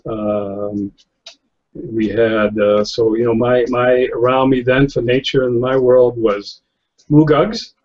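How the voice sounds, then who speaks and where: Sitting in an office chair in an indoor room, a New England photographer in his fifties chats in an interview over a webcam, the call audio slightly lo-fi. He takes it slowly at a medium pitch with little movement, rambling with plenty of fillers, restarts and chuckles.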